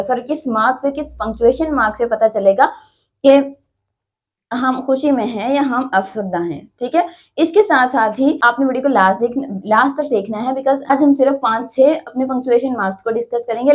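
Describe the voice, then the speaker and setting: A woman with a Pakistani accent teaches an English lesson. Her voice sits a little high, and she keeps checking in with her students as she goes. She reads example sentences slowly and deliberately, on a somewhat muffled, lo-fi recording. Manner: explains slowly, with many "theek hai" checks. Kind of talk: classroom lecture.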